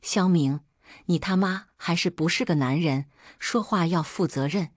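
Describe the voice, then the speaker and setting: A woman doing a calm, protective male doctor in an audiobook, speaking steadily and reasonably. The voice sits low and is recorded dry and close. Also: moderate pace, no echo, close to an everyday voice. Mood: stern.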